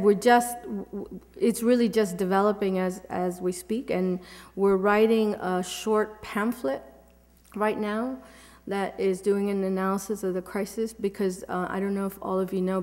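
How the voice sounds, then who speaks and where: Woman panelist, excited and chatty, normal pitch, big echoey hall. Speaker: panelist and grassroots organizer. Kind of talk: panel answer, casual speech. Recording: reverberant hall.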